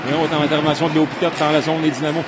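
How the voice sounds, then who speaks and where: A man with a Quebec French accent giving excited live hockey commentary, following the play in short phrases with his voice rising at chances. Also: a little high, very fast. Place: at a hockey game, in the arena. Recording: noisy rink, loud crowd and ambience.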